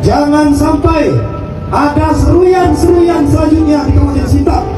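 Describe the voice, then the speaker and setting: A man from Kalimantan, Indonesia, giving fiery revolutionary oratory as a protest leader, impassioned and forceful, throwing rhetorical questions at the crowd. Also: very high-pitched, moderate pace, recorded from a distance. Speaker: protest leader, activist speaker. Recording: echoey loudspeaker from afar, loud music, crowd. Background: loud music and crowd noise.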